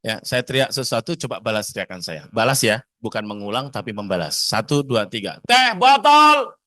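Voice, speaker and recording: A man giving a lively seminar talk to parents, often asking the audience questions. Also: on the low side, brisk, dry recording. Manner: animated, asks the audience questions.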